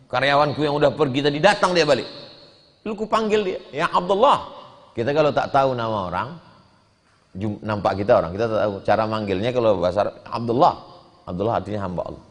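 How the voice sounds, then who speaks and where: A male preacher giving a sermon, switching between chanted Arabic phrases and lively explanation. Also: medium pitch. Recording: long hall reverb.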